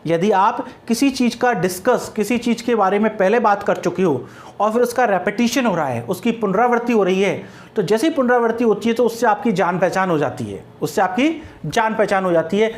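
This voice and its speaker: Brief: male grammar teacher, patient and repetitive, asks then answers, dictates examples slowly. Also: sits high. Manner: repeats points, asks and answers his own questions; dictates example sentences word by word. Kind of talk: classroom-style grammar lesson.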